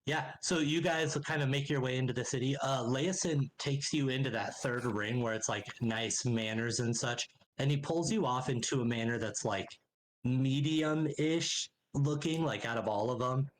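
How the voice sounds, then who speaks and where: A man's voice: mid-range voice, moderate pace, slight background noise, poor audio. A man narrating a tabletop game as game master, rambling with many filler words.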